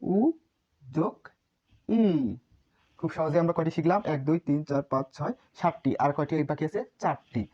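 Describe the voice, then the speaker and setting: A man's voice: on the high side, moderate pace, a little mellow, no room sound, dull audio. A man teaching a basic language class, repeating sounds and often correcting himself. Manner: repetitive, drilling, self-correcting teacher. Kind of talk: classroom lesson.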